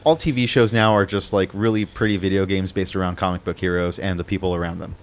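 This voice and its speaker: Low-pitched guy rambling on a podcast, lots of uh and like, casual movie chat. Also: steady tone, fast talker. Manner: rambling, many restarts and fillers. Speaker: podcast co-host.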